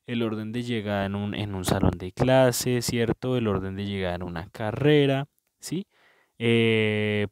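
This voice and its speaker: A man's voice: mid-range voice, clean tone, no room sound. A man, teaching a patient review lesson to young pupils and checking in often with "¿cierto?". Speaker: primary school teacher.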